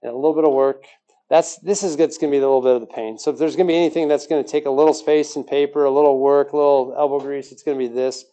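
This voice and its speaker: A man's voice: medium pitch, fairly even intonation, very fast, mellow, poor audio. A male math teacher giving a recorded lesson, quizzing the class with rhetorical questions and joking along the way.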